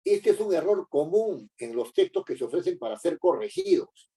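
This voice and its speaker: A man teaching a lesson, pausing often with fillers and tag questions. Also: high voice, sing-song, mellow, slightly rough. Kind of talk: lecture.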